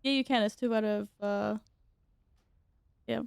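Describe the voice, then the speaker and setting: A woman's voice: mid-range voice, fairly even intonation, unhurried, gravelly, clean tone, dry recording, clean studio sound. A woman live-streaming a game, chatting casually and informally with viewers and teammates, given to exclamations.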